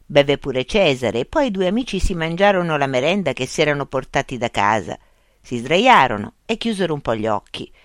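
Lively storyteller reading a children's tale. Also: mid-range voice, a little fast, no echo, studio quality. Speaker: narrator.

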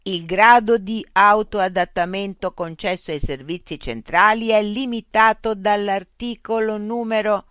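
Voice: medium pitch, steady tone, unhurried, hardly any pauses, bright, forceful tone, clean tone, dry recording, clean studio sound, voice pushed up. A narrator voicing a cold bureaucratic machine information unit that recites rules in a rigid, officious way. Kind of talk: audiobook character voice.

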